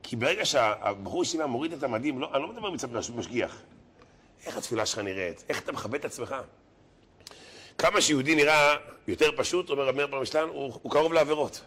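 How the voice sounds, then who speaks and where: Bright-voiced rabbi telling lively stories. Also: male voice, medium pitch, slightly rough. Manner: animated storyteller who acts out quoted people. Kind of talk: sermon with humorous anecdotes.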